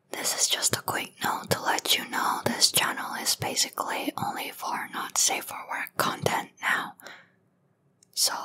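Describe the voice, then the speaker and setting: A woman, a channel creator, giving a casual, soft-spoken announcement to listeners.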